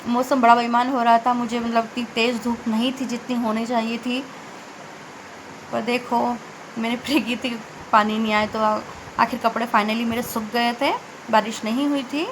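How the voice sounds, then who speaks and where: A woman's voice: on the high side, flat delivery, slight background noise, low-quality recording. A woman in her forties narrating a day of cleaning her home in a chatty, rambling way, often correcting herself mid-sentence. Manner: chatty and rambling, with self-corrections and filler pauses. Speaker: home vlogger.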